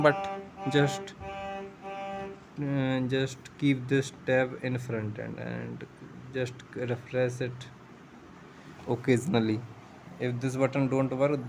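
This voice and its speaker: Speaking at a medium pitch over a rough recording, a non-native English-speaking man works through a screen-share coding tutorial. As a programming tutor, he patiently explains each step and thinks aloud along the way.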